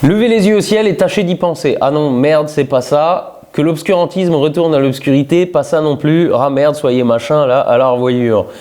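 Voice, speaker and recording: A man's voice: fairly high pitch, moderate pace, few pauses, darkish tone. A man, a YouTuber, chatting casually and reading viewers' letters aloud, laughing often and stumbling over his words.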